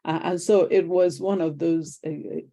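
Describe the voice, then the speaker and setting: This older woman from Nigeria, once a teacher, speaks at normal speed in a fairly low voice, her Nigerian accent clear. As an interview guest, she tells stories conversationally and animatedly acts out the exchanges she quotes.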